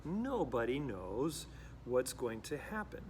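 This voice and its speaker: Talking straight to camera, this middle-aged man, a pastor raised in Costa Rica, comes across as earnest and reflective and frequently starts over. He has a mid-range, slightly mellow voice that is very animated yet slow-paced. There's a little hiss or hum in the recording.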